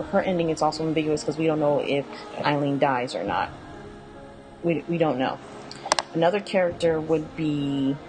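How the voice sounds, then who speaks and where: A woman with a notably low voice talks through a game's characters in a loose, unscripted way. She stumbles, restarts and fills gaps with "um" as she goes. Soft music plays faintly underneath. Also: low-quality recording. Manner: rambling, many fillers and self-corrections. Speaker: video game commentator. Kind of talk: casual spoken character rundown.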